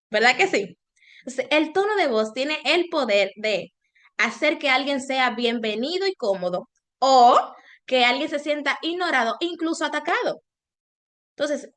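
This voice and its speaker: A woman leads an online webinar in a high voice. She talks straight to her participants, and her delivery is expressive, moving between louder and softer passages and changing her intonation as she goes. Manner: expressive, varies loudness and intonation on purpose. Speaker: webinar presenter.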